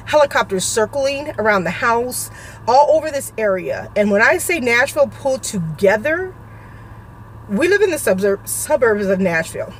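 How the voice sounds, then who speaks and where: A middle-aged woman vlogger giving a halting, emotional personal update, close to tears. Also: a little high, sing-song, a little hiss or hum. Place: suburban home.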